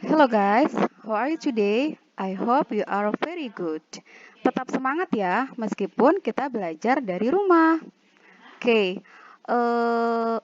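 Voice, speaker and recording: A woman with an Indonesian accent teaching an online English lesson, reading example sentences slowly and carefully. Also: fairly high pitch. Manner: slow, drawn-out example sentences. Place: at home. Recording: dull lo-fi home recording.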